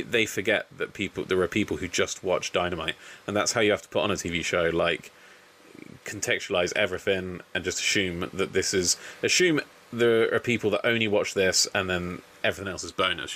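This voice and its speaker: Host, male, lowish bright voice, casual and profane, rambles through recaps. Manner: swearing, rambling, frustrated asides. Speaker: podcast host. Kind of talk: casual wrestling recap chat.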